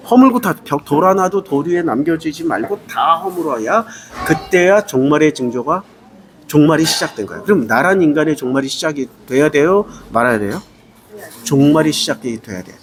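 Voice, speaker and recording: Emphatic high-voiced male pastor preaching. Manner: emphatic, rhetorical questions, emotional. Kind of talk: sermon. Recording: music playing behind.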